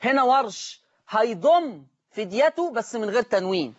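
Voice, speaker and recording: A man with an Egyptian accent teaching Quran recitation on a call-in lesson, repeating each word slowly and stretching out the recited forms. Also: very high voice, big pitch swings, muffled recording. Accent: Egyptian Arabic.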